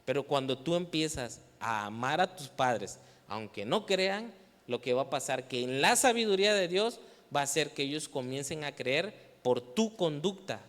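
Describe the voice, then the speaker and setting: A man's voice: fairly high pitch, lively intonation, moderate pace, a bit bright. A man with a Mexican Spanish accent preaching to a youth meeting, asking the audience questions, waiting for their answers and teasing them playfully. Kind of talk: sermon. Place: church hall. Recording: reverberant church hall.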